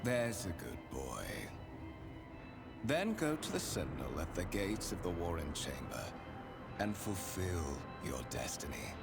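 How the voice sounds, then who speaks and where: Casting: smugly courteous, menacing game villain, theatrical monologue delivery, low voice with big swoops, loud music beneath. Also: male voice, sing-song, vocal fry, full character voice. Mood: smug, commanding. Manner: theatrical, drawn-out villain monologue with mock politeness. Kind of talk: video game voice acting.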